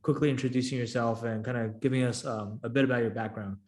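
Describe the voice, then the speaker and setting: A man's voice: medium pitch, steady tone, fast, a little mellow. Chatty male interview host, roomy sound. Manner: filler-heavy, loose and chatty. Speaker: interview host, founder of a career coaching program. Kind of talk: casual video-call interview.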